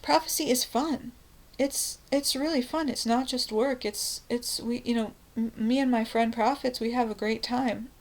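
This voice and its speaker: Woman, slightly high voice, self-styled prophet; rambling, fervent, full of restarts and fillers. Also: fairly even intonation, moderate pace, poor audio. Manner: rambling and fervent, with frequent restarts and "you know". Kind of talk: evangelizing monologue.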